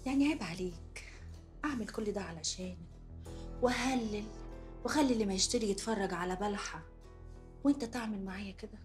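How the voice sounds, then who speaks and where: Brief: actress as a sharp-tongued Egyptian girl, rapid and needling. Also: medium pitch, soft background music, lightly acted. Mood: teasing. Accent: Egyptian Arabic. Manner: teasing, quick, quarrelsome. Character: sharp-tongued young woman teasing her cousin.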